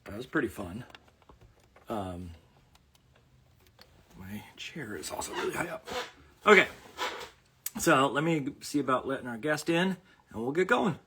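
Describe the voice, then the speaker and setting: Bright-voiced Minnesotan man hosting a livestream. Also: mid-range voice, animated, unhurried, long pauses, slight background noise. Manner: rambling, many fillers and restarts. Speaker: host. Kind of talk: casual livestream chat. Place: home studio room. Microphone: phone on a mount.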